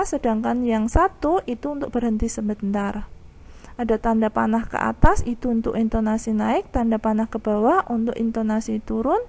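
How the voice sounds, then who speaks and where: A young woman giving a calm, clear online lesson on poetry as a teacher. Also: on the high side.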